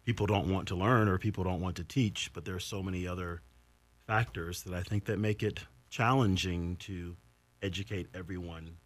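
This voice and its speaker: A man with a very low voice talks as a guest in a radio conversation. He speaks in a measured, earnest way and pauses to rephrase. The sound is plain and close. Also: steady tone. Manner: measured, with frequent fillers and restarts. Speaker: guest, assistant choir conductor.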